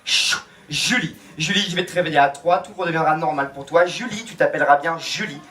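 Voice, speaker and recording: A man working as a stage hypnotist at a campsite show, speaking into a handheld microphone, slipping between slow hushed trance commands and playful teasing. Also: on the high side, a little hiss or hum. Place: campsite entertainment outdoors. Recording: live audience crowd behind. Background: audience crowd.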